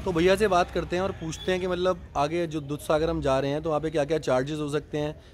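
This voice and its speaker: Holding his phone at arm's length, this young travel vlogger speaks fast in a fairly high, level voice, explaining things casually and repeating himself. He's outdoors near roads and parking and later sits in a parked jeep, with a little hiss or hum on the audio.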